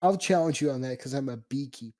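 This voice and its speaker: A man's voice: medium pitch, fast, dark tone. A man playing a tabletop game, blunt and profane, pushing his luck with the game master. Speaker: player. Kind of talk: tabletop role-play chat.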